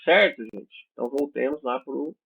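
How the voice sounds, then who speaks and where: A man's voice: mid-range voice, normal speed, vocal fry, slightly rough. A Brazilian man teaching an online English class, explaining patiently and checking in with his students often. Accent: Brazilian Portuguese. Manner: explanatory, checks in with frequent "certo?" and "né?". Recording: tinny phone-like audio.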